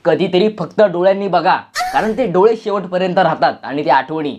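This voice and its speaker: A man's voice: sits high, fairly quick, darkish tone, slight background noise. A man giving a mocking, teasing voice-over on a vlog's footage, with music playing behind him. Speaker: vlogger narrating over footage. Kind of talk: sarcastic comic voice-over.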